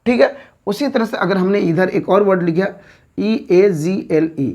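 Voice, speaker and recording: A woman with a lowish voice gives an English grammar lesson at a whiteboard. She says words over slowly and fires off quick questions to make sure her students follow.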